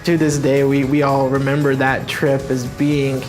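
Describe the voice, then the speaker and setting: A man giving a steady, earnest testimonial about his experience. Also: medium pitch, normal speed, soft background music. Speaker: customer testimonial. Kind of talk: calm testimonial.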